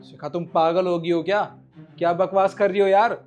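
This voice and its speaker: A man's voice: high-pitched, steady tone, fairly quick, darkish tone, muffled recording, soft background music, close to an everyday voice. A man playing a wronged husband who protests and pleads to be believed. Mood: pleading.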